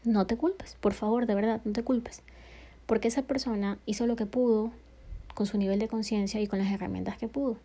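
Warm-toned woman sharing relationship lessons. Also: fairly quick. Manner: expressive, acts out quotes with shifting pitch and loudness; frequent fillers and self-corrections, laughs often. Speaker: vlogger. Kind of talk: casual confessional vlog.

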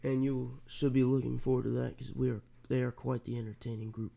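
A man's voice: mid-range voice, level tone, brisk, gravelly, mellow. A congested man co-hosting a podcast, chatting casually and telling stories. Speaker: podcast co-host. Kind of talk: casual chat.

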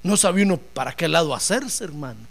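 A man preaching a sermon in an animated, joking way, acting out voices as he tells the story. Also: on the high side, fairly quick, creaky.

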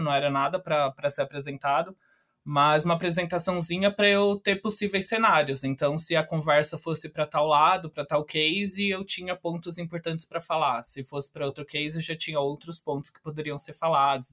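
Brief: young Brazilian trainee, man, earnest explainer, slightly high, crisp bright tone. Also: normal speed. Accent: Brazilian Portuguese. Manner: earnest, explanatory, giving tips. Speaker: company trainee, interviewee. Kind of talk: casual interview answers.

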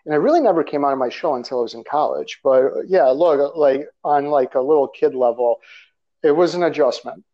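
Speaking a bit fast with a fairly high voice, the man from Russia, a guest author, loosely recounts his background in conversational interview. Fillers and small chuckles fill his talk, and the audio is slightly dull and lo-fi.

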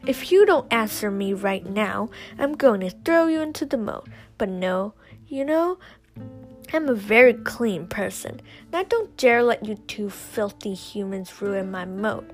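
A woman voicing a pompous, mocking male castle owner in a read-aloud story, loud and scolding. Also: mid-range voice, lively intonation, measured pace, faint music behind.

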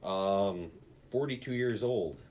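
A man's voice: fairly low pitch, slow pace, darkish tone, a little hiss or hum. A man co-hosting a casual podcast, reading out a list with joking asides. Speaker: podcast co-host. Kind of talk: casual chat.

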